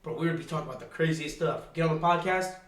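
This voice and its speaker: A man's voice: a little high, rapid-fire, fairly bright tone, distant mic. A teenage boy co-hosting a casual podcast, rambling with lots of fillers and saying "bro" often. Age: teens. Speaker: podcast co-host. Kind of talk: casual chat. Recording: roomy echo, off-mic.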